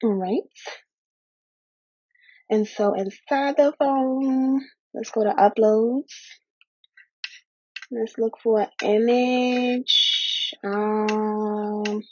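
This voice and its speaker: A woman's voice: on the high side, steady tone, very slow, pauses often, muffled recording. A woman who runs a small candle business, giving a casual how-to tutorial in a chatty way, calling her viewers y'all, a little out of breath.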